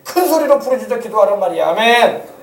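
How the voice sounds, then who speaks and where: The echoing church sanctuary carries the sermon of a middle-aged male pastor with a high pitch, animated and quick-paced. He jokes in a folksy style and mimics grumbling elders, sounding a bit away from the mic.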